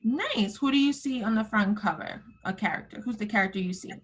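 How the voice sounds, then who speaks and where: A little hiss or hum runs under this woman's mid-range voice as she talks a little fast. She's a kindergarten teacher giving an interactive lesson to young children over a video call, using a computer mic and encouraging them with simple prompts and endearments.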